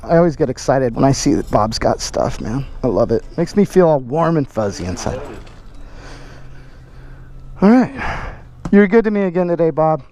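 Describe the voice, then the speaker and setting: A man's voice: a little high, sing-song, normal speed, long pauses. A man chatting casually as a motovlog host, with slangy, joking banter and the odd curse. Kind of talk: casual vlog chat. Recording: loud engine and road noise.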